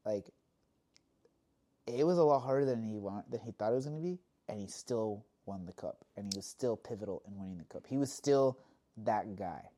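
A man's voice: fairly low pitch, animated, moderate pace, warm tone. A young man co-hosting a casual sports podcast, talking in loose rambling sentences full of "like" and laughing often. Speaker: podcast co-host.

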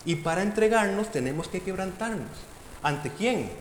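Animated high-voiced male preacher. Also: moderate pace. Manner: emphatic, addresses the congregation with rhetorical questions. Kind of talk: sermon. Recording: echoey hall with faint background noise.

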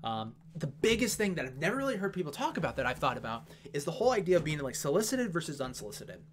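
A man talking fast and casually as he walks through an investment analysis, with plenty of fillers and asides. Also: on the high side, big pitch swings. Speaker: investing video host. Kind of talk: casual stock analysis talk.

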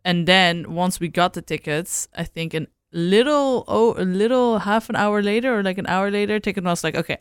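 A guest on a casual podcast, speaking in a smooth, clear voice at middle pitch. The sound is dry and close, and the delivery stays matter-of-fact. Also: a little fast, few pauses, no echo. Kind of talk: casual chat. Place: studio.

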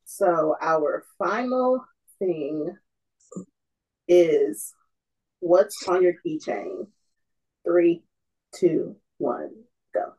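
A woman's voice: lowish voice, lively intonation, extremely slow, long pauses, dark tone, lo-fi sound. A woman hosting a casual podcast chat, laid-back and giggly. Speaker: podcast host.

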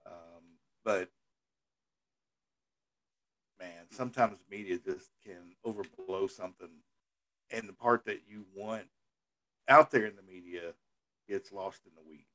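A man co-hosting a casual podcast chat, talking in a measured, reflective way that often trails off softly. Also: sits low. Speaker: co-host.

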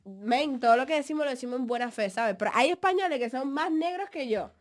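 High-voiced young woman. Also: fairly quick. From Latin America. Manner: animated, talks over others, many fillers. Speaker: podcast co-host. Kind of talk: casual chat.

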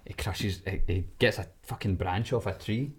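A man's voice: low-pitched, moderate pace, breathy edge. A man with a Glasgow street accent chatting casually and telling anecdotes in blunt, sweary language. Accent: Glaswegian Scottish.

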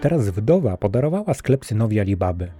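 Low, mellow male storyteller. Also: big pitch swings, quick pace, soft background music. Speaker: narrator. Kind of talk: storybook narration.

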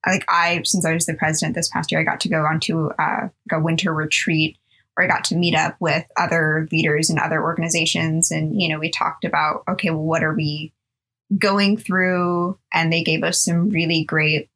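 Young woman, lowish voice, bright tone, chatty, lots of ums, interview answers. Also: little pitch movement, moderate pace. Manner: chatty, many ums, upbeat. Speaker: sorority chapter president.

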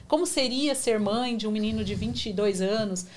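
A woman's voice: mid-range voice, moderate pace, faint music behind. A woman in her forties telling her faith testimony in a podcast conversation, recounting her prayers with emotion. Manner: emotional, animated storytelling with reenacted prayers. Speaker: guest giving testimony.

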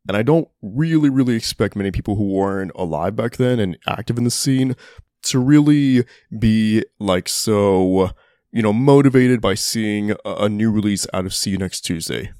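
A young man with a lowish, slightly hoarse voice hosts a music countdown podcast. He talks in an excited, casual, profane way, full of fillers. The sound is close and dry. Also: no room sound. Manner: enthusiastic, profane, conversational with fillers. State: voice getting hoarse. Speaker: podcast host.

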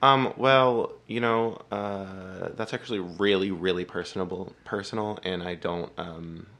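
A man chatting casually on a podcast as a guest, hesitant and full of fillers, joking with a deadpan delivery. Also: deep voice, measured pace.

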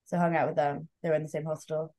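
A woman's voice: low voice, little pitch movement, fast talker, mellow. A woman co-hosting a casual podcast, telling a story with lots of "like" and bursts of laughter. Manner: chatty storytelling, heavy use of "like", frequent laughter. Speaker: podcast co-host. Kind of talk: casual chat.

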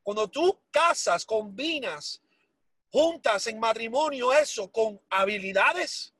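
A man's voice: extremely high pitch, animated, slow pace, bright, forceful tone, slightly rough, no room sound. A man giving an emotional, emphatic motivational speech, repeating words for force and dropping English phrases into his talk. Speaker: motivational speaker for a sales business.

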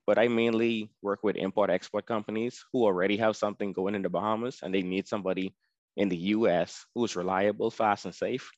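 A man's voice: lowish voice, fairly even intonation, a little fast, dry recording, lo-fi sound. A man talking about his delivery work in an easygoing, conversational way. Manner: easygoing, conversational, says you know often. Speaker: guest, freight delivery business owner. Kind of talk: casual interview.

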